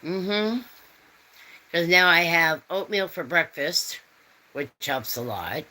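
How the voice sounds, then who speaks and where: Slow, rambling woman chatting with viewers. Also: on the low side, lively intonation, sharp tone, poor audio. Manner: rambling, folksy, reads out chat comments. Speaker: host. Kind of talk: casual chat.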